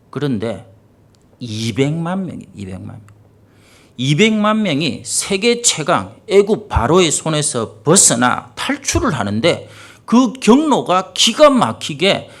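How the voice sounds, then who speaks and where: A man's voice: fairly high pitch, gravelly. A middle-aged man, a senior pastor preaching an early-morning sermon with vivid storytelling and rhetorical questions.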